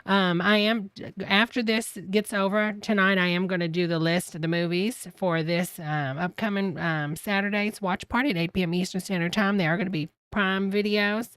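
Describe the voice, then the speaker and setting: Bright, sassy woman livestream host. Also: medium pitch, fairly even intonation, moderate pace, hardly any pauses, smooth, no room sound. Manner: sassy, mocking. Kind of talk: casual reaction commentary.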